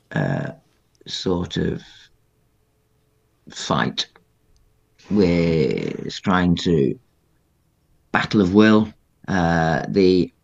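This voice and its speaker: A middle-aged man with a low, gravelly voice talks bluntly and matter-of-factly in an interview, swearing without a second thought. The audio sounds a little dull and lo-fi. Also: darkish tone. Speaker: guest, former aircrew. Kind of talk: candid interview recollection.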